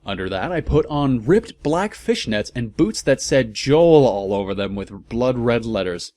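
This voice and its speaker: In a dry recording, a man with a mid-range, darkish voice gives a very animated yet measured-paced comic reading of fan fiction. Reading theatrically for laughs, he keeps interrupting the narration with incredulous asides.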